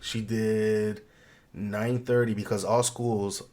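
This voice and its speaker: A man's voice: on the low side, level tone, takes it slowly, a little mellow. A man sick with the flu and a swollen throat, chatting casually and bluntly as a podcast co-host. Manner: blunt, freely swearing.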